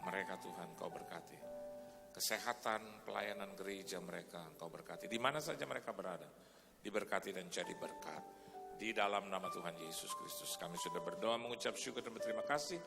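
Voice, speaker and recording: A man preaching as a pastor, telling a story in animated sermon style and then leading a prayer. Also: fairly low pitch, gravelly. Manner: animated storytelling, shouting greetings in quoted voices. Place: large church hall. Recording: reverberant church hall, faint noise.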